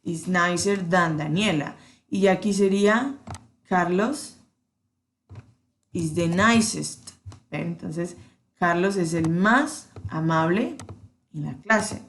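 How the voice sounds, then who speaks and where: A woman teaching an English grammar lesson, patiently checking in with her students and slowing down to spell out the examples. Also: lowish voice, slight background noise. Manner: patient, checks in with "¿cierto?" often.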